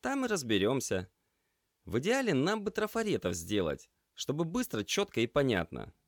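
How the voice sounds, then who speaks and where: A lively young trainee medic, upbeat and quick to tease, his voice sitting well above the reader's own and leaping around as he talks, as a male audiobook reader puts him on. The recording is close and dry, with no room sound at all. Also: medium pitch, dry recording, pitched above the performer's own voice. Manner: brisk, upbeat and teasing. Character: cheerful energetic young male paramedic trainee.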